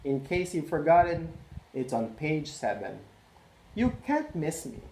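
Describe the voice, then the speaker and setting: A man voicing a boastful yellow crayon reading its letter. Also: a little high, very animated, a little slow. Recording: echoey room, faint noise.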